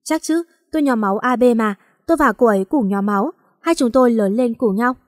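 A woman's voice: a little high, fairly quick, dry recording, clean studio sound, lightly acted. A woman reading the lines of a young male boss in a storybook, urgent and commanding. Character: young man, a stern boss, worried for his love.

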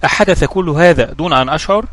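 A man's voice: a little high, fast, fairly bright tone, dry recording. A man voicing an earnest young woman in a storybook reading, with eager, wondering speech. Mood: surprised.

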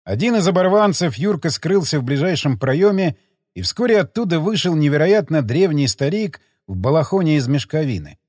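An expressive male audiobook narrator with a lively, animated pitch and a middle-range voice. The recording is dry and close, with no room sound. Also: moderate pace, no echo. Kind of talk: scripted narration.

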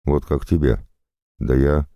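A man's voice: rumbling low, steady tone, unhurried, mellow, no room sound, clean studio sound. A man voicing a burly, drunken jailer-monk who lectures and leers at his prisoner in a storybook reading. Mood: preachy. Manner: preachy, leering.

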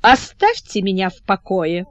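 A woman voicing a calm, disdainful young princess in an audiobook. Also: mid-range voice, a little slow, no echo. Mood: cold. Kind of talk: audiobook character reading.

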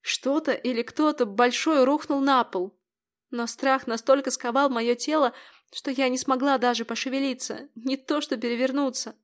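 Higher-voiced woman narrating a tense story. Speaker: audiobook narrator. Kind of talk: first-person audiobook narration.

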